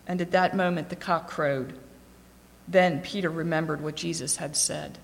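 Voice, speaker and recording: A woman reading scripture aloud in a steady, clear voice. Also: low voice, moderate pace. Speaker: scripture reader. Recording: long echoing reverb.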